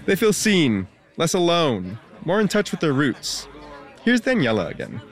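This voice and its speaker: A man reporting a public radio news feature in a lively, conversational way, quizzing the listener. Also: fairly high pitch, measured pace, some chatter behind.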